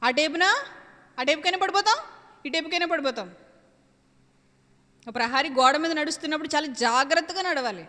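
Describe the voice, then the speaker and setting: A woman's voice: sits high, fairly quick, long pauses, pushed and bright, big-room sound. A woman preacher delivering an emphatic sermon, repeating her phrases and asking and answering her own questions.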